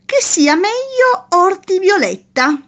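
A woman's voice: extremely high pitch, big pitch swings, takes it slowly, a bit bright, exaggerated voice. A woman voicing a sad, stubborn little fairy who has no name, refusing each offer firmly. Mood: eager. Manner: firm, plaintive refusals.

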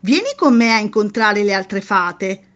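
A woman voicing a wise, kindly male gnome who calmly explains things with assurance. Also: mid-range voice, a little slow, dull audio, natural voice. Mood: assured.

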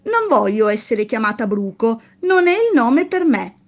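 A small, wistful fairy girl voiced by a woman speaks in a high, bouncing voice. She turns down each offer with a firm, plaintive no. The recording is dull and lo-fi. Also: sing-song, measured pace, heavily acted. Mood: sad, firm. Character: sad little nameless fairy girl, stubborn.

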